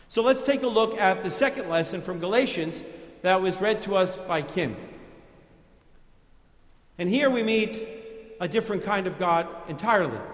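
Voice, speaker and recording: High-voiced New York pastor preaching. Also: male voice. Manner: conversational, folksy preaching. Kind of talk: sermon. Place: church. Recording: echoey church reverb.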